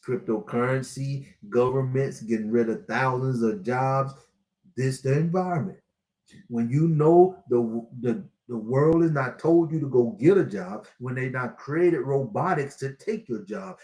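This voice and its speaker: A man's voice: mid-range voice, a little mellow, echoey room. A man in his sixties giving a preachy, repetitive motivational talk to his online viewers as a spiritual life coach. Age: 60s.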